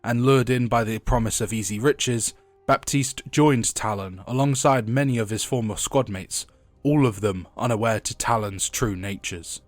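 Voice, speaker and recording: A slightly congested young man, nursing a head cold, narrates a scripted video essay on game lore and wanders into chatty side comments. He speaks on the low side at a normal speed in a dry recording.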